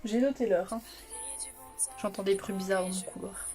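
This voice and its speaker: A woman's voice: mid-range voice, fairly even intonation, moderate pace, warm tone, faint music behind. A young woman doing a live makeup stream from home, chatting with viewers and giggling often. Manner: giggly, bubbly, talks to chat by name. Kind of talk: chatty livestream talk to viewers.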